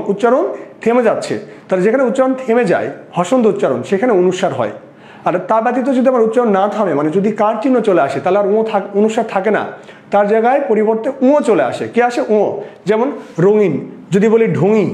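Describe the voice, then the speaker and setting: A high-pitched man with a Bangladeshi Bengali accent teaches an exam-prep lesson, explaining step by step. He keeps asking his students a question and then answering it himself. His voice rings in an echoey room. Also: a little mellow.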